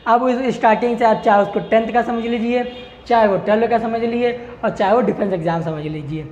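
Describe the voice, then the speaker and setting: A fairly quick, high-voiced man with a slightly mellow tone teaches English online. He keeps asking the class questions and answering them himself to hammer points home. The audio is echoey, dull, lo-fi, and faintly hissy.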